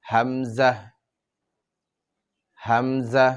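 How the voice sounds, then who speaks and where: A man teaching Quran letter pronunciation, drawing out each letter name slowly and explaining the difference between similar sounds. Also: mid-range voice, little pitch movement, clear, resonant tone, dull audio. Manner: slow, drawn-out recitation of letter names.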